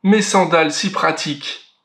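A man voicing a kind, proud male giant in a children's storybook reading, with a slow, sing-song, boasting refrain. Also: fairly high pitch, a bit bright. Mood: delighted. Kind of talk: storybook read-aloud.

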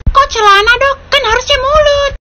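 A frightened, whiny little child, as a woman puts the kid on, squeaking in a very high voice. Loud noise and clicking sit behind the voice on this recording. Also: normal speed. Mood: scared. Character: scared little child at the dentist.

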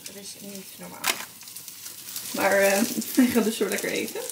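A young woman with a Dutch accent, chatting casually to a handheld camera at arm's length in her apartment, thinking aloud in a relaxed way. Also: mid-range voice, moderate pace, creaky, background noise. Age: young adult. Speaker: vlogger. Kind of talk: casual vlog chat. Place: apartment living room, indoors.

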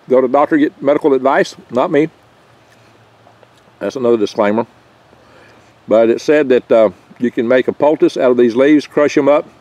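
With the highs cut off, the recording presents a mid-range, darkish male voice. An older foraging-channel host talks outdoors in his garden among pine trees, rambling folksily and chattily with small jokes and stumbles, on a handheld camera mic held close.

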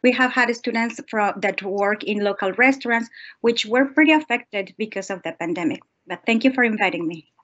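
A woman's voice: mid-range voice, moderate pace, fairly bright tone. A woman from Mexico, carefully introducing herself as a linguistics instructor on a panel over a video call. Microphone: video call webcam. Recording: muffled video-call audio.

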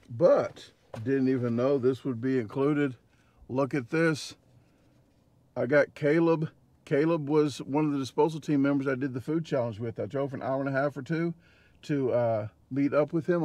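A man's voice: mid-range voice, a little mellow. A man in his forties with a Midwestern American accent, chatting casually to a dash-mounted camera in his parked car, rambling with lots of fillers and restarts. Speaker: vlogger and competitive eater. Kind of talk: casual vlog talk to camera. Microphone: camera mounted on dashboard.

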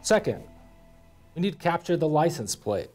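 His pitch is fairly high and sing-song, his pace moderate and his tone somewhat dark. He's a thirty-something American conservation officer presenting scripted instructions indoors by a whiteboard, with background music audible.

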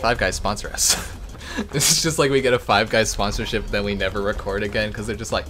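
A man's voice: lowish voice, fairly quick, sharp tone. A man co-hosting a casual gameplay video, joking and rambling with frequent laughter. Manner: jokey, rambling, laughs often. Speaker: gaming channel co-host. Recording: game music behind.

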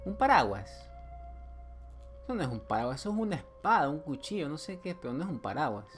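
A man's voice: on the high side, very animated, brisk, faint music behind. Joking man narrating his horror gameplay. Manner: joking, talks to the game, sudden yelps. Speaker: gameplay streamer. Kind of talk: playthrough commentary.

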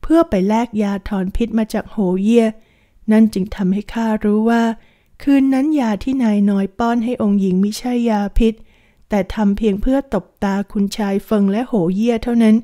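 Mellow woman reading a novel aloud. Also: mid-range voice, steady tone, moderate pace. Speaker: audiobook narrator. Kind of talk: reading a translated historical romance novel.

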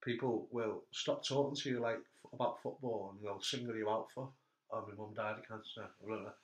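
A middle-aged man hosting a casual interview chat, telling stories with animated bursts. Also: fairly low pitch, a little fast. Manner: animated storyteller, voice jumps up when telling funny bits. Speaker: host. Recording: echoey room.

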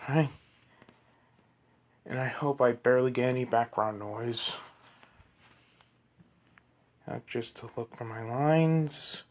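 A man's voice: mid-range voice, slow, pauses often. A young man talking to himself at home between voice takes, muttering and critiquing his own reads. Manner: muttering, self-critical asides. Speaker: amateur voice actor. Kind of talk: casual self-talk between recorded takes. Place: home room.

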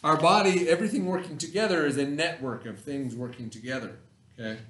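A little high and a little fast, with a fairly bright tone, this middle-aged teacher's voice carries a remote read-aloud vocabulary lesson for children from a classroom. He explains plainly, goes over key terms more than once, and checks understanding with short tags.

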